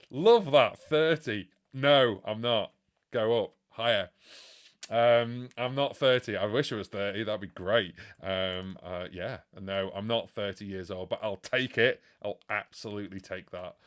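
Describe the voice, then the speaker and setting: A man in his forties from the UK talks loosely through a music live stream, reading out viewer questions and filling gaps with ums. His voice sits a little low. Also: a bit bright, clear, resonant tone. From United Kingdom. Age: 40s. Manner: rambling and chatty, lots of ums, reads out viewer questions. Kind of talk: casual live-stream chat.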